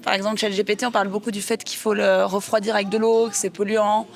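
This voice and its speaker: A woman's voice: mid-range voice, level tone, fast, creaky. A woman giving a casual, unscripted interview answer in an explanatory, conversational way.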